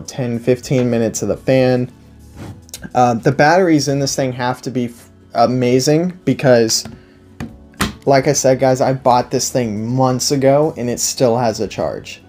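Seated at a table before a backdrop in an indoor room, a man in his twenties gives an unscripted, casual product review. His mid-range voice has a dark tone, and he's enthusiastic and emphatic, often repeating himself.

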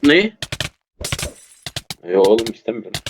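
A man playing an online game with a teammate, swearing constantly and shouting in frustration. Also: lowish voice, very animated, unhurried, a little hiss or hum. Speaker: gamer streamer. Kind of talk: casual gameplay chat with teammate.

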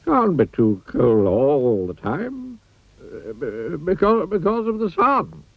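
A man voicing a wise old male wizard who speaks slowly, hesitates and brushes things off. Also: a little high, wildly swooping pitch, dry recording, pitched above the performer's own voice, full character voice. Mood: explaining. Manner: slow, hesitant and dismissive. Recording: dull lo-fi old TV soundtrack.

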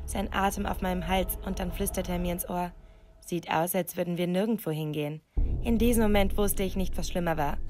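A woman reading a scripted first-person story aloud, dramatic and emotive, her pitch rising sharply at tense moments. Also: darkish tone.

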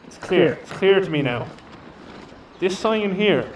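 A man's voice: sits high, animated, a little slow. An Irish man chatting casually and jokingly outdoors, often mock-serious, as a motovlogger. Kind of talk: casual chat while walking. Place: outdoors on a woodland path. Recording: distant mic, outdoor background noise.

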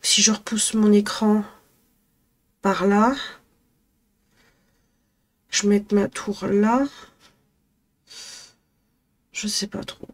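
A young woman from northern France chats casually in a vlog from her apartment, speaking with a northern French accent. Her voice is medium-pitched and level, with drawn-out words and frequent pauses, and she rambles hesitantly with lots of fillers.

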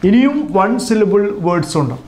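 High-voiced male grammar teacher, echoey room. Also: very animated, moderate pace, darkish tone. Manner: patient, repeats and drills each word form. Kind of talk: classroom grammar lesson. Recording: roomy echo.

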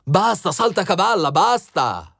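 A man's voice: sits high, sing-song, a little slow, vocal fry, fairly bright tone, no echo, studio quality, exaggerated voice. A man voicing an older, fretful fairy-tale king who pleads in exasperation. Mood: pleading.

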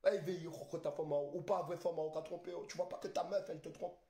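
A man's voice: fairly high pitch, steady tone, brisk, dark tone, roomy sound. A man streaming live, ranting in a rambling, insulting way with garbled phrasing. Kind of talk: street livestream rant.

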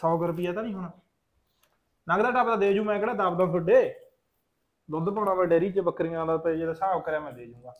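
A sly village goat-keeper who brags and wheedles in a quick, high voice, played by a man. He rattles along in a comic short drama, recorded with dull lo-fi sound. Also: natural voice. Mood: wheedling. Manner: quick, wheedling, boastful talk. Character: boastful, scheming village goat-keeper, fond of intoxicants.

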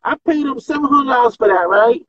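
A middle-aged artist from Trinidad and Tobago joins a casual interview by video call webcam from a home room with painted walls. He's a laid-back storyteller, slangy and quick to laugh, with a very high voice, lively intonation and a fairly quick pace. The highs are cut off and a crowd can be heard in the background.

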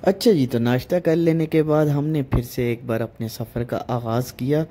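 A man with a Pakistani Urdu accent narrating a travel vlog voice-over in a relaxed, guiding way. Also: medium pitch, moderate pace, noisy background. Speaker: vlogger narrating trip.

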